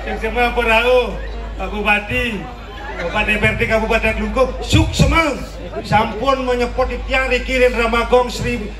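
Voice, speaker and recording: A Balinese-accented man works a live audience as a traditional stage comedian. His voice sits very high, and he teases and repeats phrases for effect. He is heard from a distance through an echoey space, with loud crowd laughter around him. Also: steady tone, moderate pace, heavy background noise. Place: large performance stage with audience.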